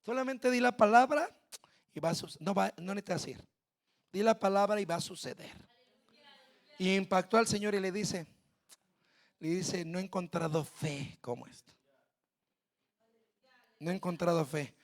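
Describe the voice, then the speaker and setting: A male pastor with a Mexican Spanish accent preaching a sermon, speaking straight to the congregation and building to shouted peaks. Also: high voice, moderate pace, long pauses. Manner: preaching with shouted climaxes and direct address to the congregation.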